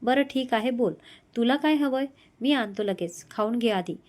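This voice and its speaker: A woman voicing a young husband from a romantic storybook, teasing and tender. His lines come in a fairly high voice with no real change from the reader's own. He sounds fond and playful. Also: moderate pace, darkish tone, lightly acted. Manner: teasing, affectionate. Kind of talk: storybook reading.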